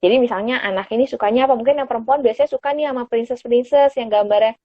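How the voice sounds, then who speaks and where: A woman's voice: a little high, rapid-fire, dark tone, no room sound. A woman psychologist patiently explaining parenting tips in a casual live chat, addressing the host by name. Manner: casual conversational speech with fillers. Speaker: child psychologist guest. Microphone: phone on an Instagram live stream. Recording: dull lo-fi stream audio.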